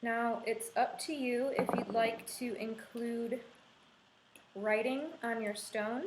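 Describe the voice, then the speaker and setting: Calm, slow-talking woman guiding a craft. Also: fairly high pitch. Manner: calm, unhurried, reassuring guidance. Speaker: art instructor leading a craft and meditation tutorial. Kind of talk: instructional talk while demonstrating a craft. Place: small room indoors with a window. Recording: echoey room, faint background noise.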